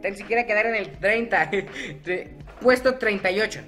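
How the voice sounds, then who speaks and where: A man's voice: high voice, normal speed, sharp tone, soft background music. A young man giving casual, self-mocking gameplay commentary, chatty and laughing often. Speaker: gaming YouTuber.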